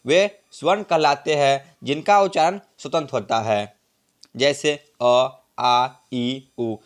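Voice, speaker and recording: A man teaching a grammar lesson, repeating each point and drawing out vowel sounds as examples. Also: a little high. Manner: repeats points, tag "ठीक है ना" often.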